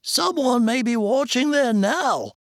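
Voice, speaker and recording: A man's voice: extremely high pitch, lively intonation, takes it slowly, dry recording, clean studio sound, voice pushed up, exaggerated voice. A man voicing an anxious man out at night, speaking in an urgent, wary way. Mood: alarmed.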